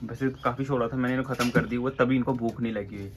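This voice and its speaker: A man's voice: medium pitch, fairly even intonation, racing, noisy background. A young man vlogging at his backyard bird enclosure, chatting casually to viewers while feeding his pigeons and chicks. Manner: chatty, addresses viewers as friends. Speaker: vlogger keeping birds and rabbits. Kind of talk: casual vlog narration. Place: outdoor rooftop bird enclosure.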